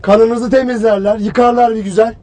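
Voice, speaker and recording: An actor playing a harsh army commander who berates his soldiers with bitter, barking scolding and frequent shouting. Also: very high voice, steady tone, moderate pace. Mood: grim. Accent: Turkish. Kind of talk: film trailer acting.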